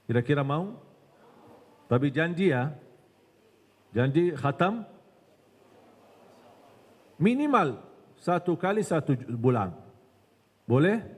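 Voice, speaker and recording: A man's voice: fairly high pitch, takes it slowly, pauses often, husky. A man from Medina giving a religious lecture, telling stories and acting out their dialogue. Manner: animated storytelling, acts out dialogue. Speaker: preacher. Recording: long hall reverb.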